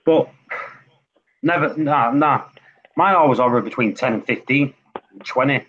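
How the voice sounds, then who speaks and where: A British man with a mid-range voice talks casually and without hurry as a participant in an online hobby chat. The voice-chat recording sounds dull and lo-fi, with faint noise.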